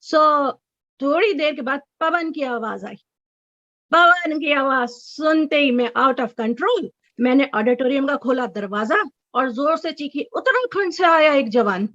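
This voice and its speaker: A middle-aged woman telling an excited story as an interview guest on a video call, sometimes breaking into high squeals. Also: takes it slowly, dry recording. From Chicago resident. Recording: dull, dry video call audio.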